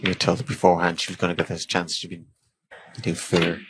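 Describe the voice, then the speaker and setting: A man giving hushed snooker commentary in short, measured, understated remarks. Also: sits low, completely flat delivery. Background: faint noise and snooker ball clicks.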